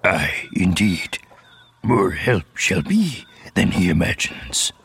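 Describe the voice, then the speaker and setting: A man voicing an impish, mischievous little old swamp creature with a raspy croak, hammy stage delivery and inverted archaic phrasing. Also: high voice, huge pitch swings, takes it slowly, pushed and bright, heavily acted. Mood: sly, musing.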